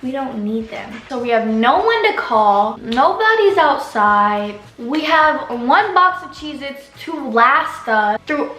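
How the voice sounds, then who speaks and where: Teen girl, storytime vlog, slangy and dramatic, fairly high voice, roomy echo. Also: very animated, slow pace, few pauses, bright, forceful tone. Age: teenager. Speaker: vlogger. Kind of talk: casual storytime. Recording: echoey room, faint background hiss.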